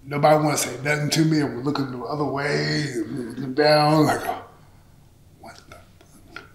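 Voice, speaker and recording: On the high side and gravelly, this middle-aged wrestler's voice comes with flat delivery at normal speed, plus a little hiss or hum and roomy echo. Seated on a couch in a small indoor interview set, he tells casual, profane, candid stories, acting out lines of dialogue.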